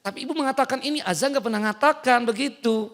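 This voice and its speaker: A man's voice: extremely high pitch, quick pace. A man, preaching to women and teasing them with questions. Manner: lively, teasing, asks the audience questions. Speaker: Islamic preacher. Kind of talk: sermon to women. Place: mosque.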